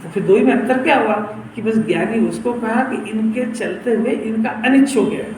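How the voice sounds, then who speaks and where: A man's voice: sits high, normal speed, reverberant, slight background noise, rough recording. A man giving a scripture sermon, explaining and often asking his listeners whether they have understood. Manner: explanatory, questioning listeners, lively. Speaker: Jain scripture teacher. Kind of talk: sermon discourse.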